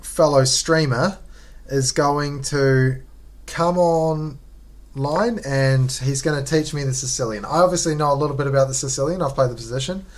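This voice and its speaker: A man with a New Zealand accent giving casual, slangy commentary on a live game as he chats to viewers. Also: mid-range voice. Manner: laid-back, slangy, chatting to viewers. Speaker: chess streamer.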